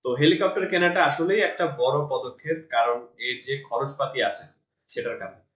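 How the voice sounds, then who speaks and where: A man's voice: medium pitch, fairly quick, fairly bright tone. A man with a Bangladeshi accent teaching an online English class, patiently correcting a student's reading and explaining in Bengali. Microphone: online call. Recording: roomy, dull online call audio.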